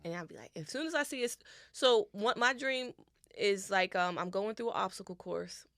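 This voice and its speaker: A woman co-hosting a podcast, telling stories in an animated way and repeating her phrases in casual chat. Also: medium pitch, moderate pace, no room sound, clean studio sound. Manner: animated storytelling, repeats phrases, spiritual talk. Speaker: podcast co-host.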